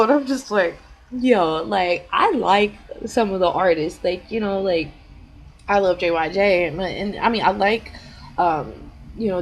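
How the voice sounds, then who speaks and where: A woman's voice: fairly low pitch, poor audio. A young woman vlogger telling a story in a chatty, rambling way, full of "like" fillers. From United States. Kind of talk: casual storytime vlog.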